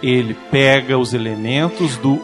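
A man with a Brazilian Portuguese accent, co-hosting a podcast, making his case calmly in terms of story structure. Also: mid-range voice, measured pace, over music. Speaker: podcast co-host. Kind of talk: casual film debate.

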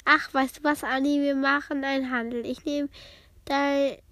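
A woman's voice: high-pitched, flat delivery, normal speed, fairly bright tone, dry recording. A woman voicing a strict, impatient female schoolteacher in a children's story read aloud, speaking sternly. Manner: stern, scolding.

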